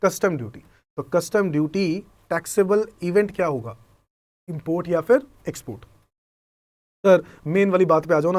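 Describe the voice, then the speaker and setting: A man's voice: on the high side, a little mellow. Indian man giving a tax lecture. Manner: asks and answers his own questions as students; mixes Hindi with English terms. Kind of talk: classroom lecture.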